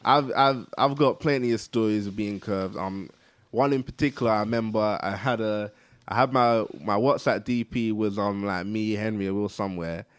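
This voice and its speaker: A young man, hosting a casual chat and telling animated anecdotes. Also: on the low side, moderate pace, no echo. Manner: animated storyteller, laughs through anecdotes. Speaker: podcast host.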